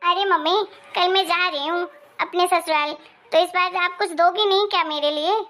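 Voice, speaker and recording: A woman's voice: extremely high pitch, fairly even intonation, moderate pace, sharp tone. A woman voicing a quarrelsome young married daughter who complains and scolds, in a Hindi moral story cartoon. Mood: scolding.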